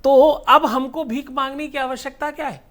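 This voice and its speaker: A man's voice: very high voice, fairly even intonation, moderate pace, a bit bright. A middle-aged man, a religious guru, answering an interviewer in an emphatic, preaching way, firing rhetorical questions and scorning his critics.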